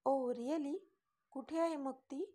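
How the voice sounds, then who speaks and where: A woman's voice: high voice, takes it slowly, mellow, voice pushed up. A woman voicing a confident young man in love, who teases and presses with questions in a smirking tone. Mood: teasing.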